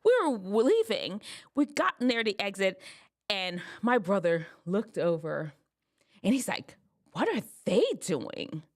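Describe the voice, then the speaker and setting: Woman host, casual storyteller with a lively, up-and-down voice, gives teens advice. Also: mid-range voice, unhurried. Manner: animated, expressive storytelling.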